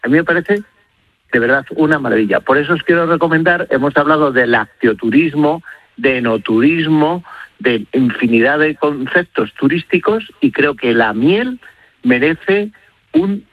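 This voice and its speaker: A middle-aged Spanish man with a Castilian accent contributes travel and food talk on the radio, speaking effusively and conversationally, rambling and repeating words for emphasis. His voice is on the high side, expressive, at normal speed, with no room sound and narrow, tinny audio.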